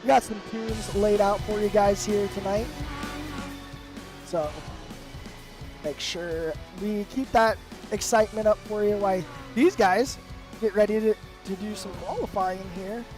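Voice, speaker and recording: A man's voice: high-pitched, steady tone, unhurried, a little mellow, faint music behind. A man commentating a live sim race, upbeat and rambling with fillers, his voice worn from the flu. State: sick with flu.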